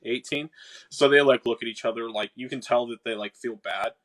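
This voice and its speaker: A man's voice: mid-range voice, fairly quick, a bit bright. A man casually narrating as game master of a tabletop game, with lots of filler words. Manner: casual, filler-heavy, laughs often.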